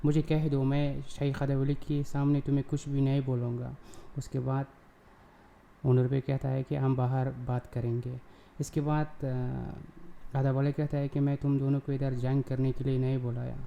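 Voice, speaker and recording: Man, channel host, casual drama recap, gravelly, very dark tone, halting with fillers. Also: mid-range voice, a little hiss or hum. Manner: halting, repetitive, with "uh" fillers and self-corrections.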